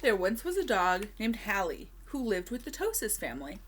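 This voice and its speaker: A woman reading a children's storybook aloud expressively, with deliberate dramatic pauses and emphasis. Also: medium pitch, very animated, a little hiss or hum.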